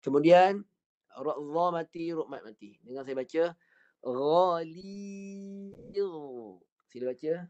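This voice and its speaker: A man's voice: fairly high pitch, moderate pace, few pauses, a little mellow. A man with a Malaysian accent teaching Quran recitation, modelling each word and asking the class to repeat it. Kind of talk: slow recitation lesson. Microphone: online class recording. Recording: dull lo-fi online class audio.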